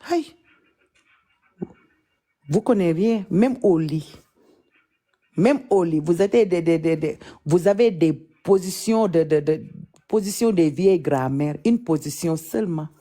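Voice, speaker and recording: A Senegalese French woman chats on a live stream, teasing and mocking as she drags out her repeated words. Her voice is low and mellow, and she talks at an unhurried, leisurely pace. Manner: teasing, mocking, drawn-out repetitions. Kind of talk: casual live chat.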